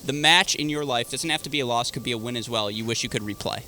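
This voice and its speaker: A chatty American man interviews in a bright, mid-pitched voice. His style is casual and playful, full of banter and easy agreement. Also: fast.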